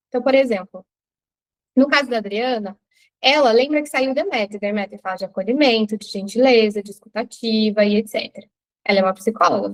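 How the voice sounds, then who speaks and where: A Brazilian woman with a high voice is teaching a recorded class. She explains things step by step and keeps turning to her students with rhetorical questions. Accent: Brazilian Portuguese. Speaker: branding teacher.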